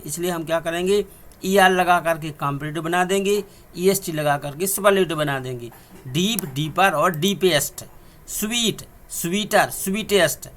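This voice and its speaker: Man, high voice, bright tone, teacher, video lesson, methodical, spells words letter by letter. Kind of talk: classroom-style video lesson.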